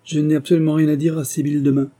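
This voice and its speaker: A man reading an audiobook, voicing a brisk, impatient society hostess in a raised, emphatic voice. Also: on the high side, little pitch movement, dark tone, voice pushed up, natural voice. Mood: chattering.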